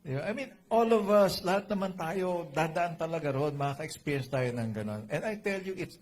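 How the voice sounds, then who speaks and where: A man's voice: fairly high pitch, animated, fairly quick, a little mellow. Middle-aged man, Filipino accent, pastor preaching, conversational and jokey, faint background noise. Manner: Taglish code-switching, conversational, asks "di ba?" often; jokey asides with laughter. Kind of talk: sermon.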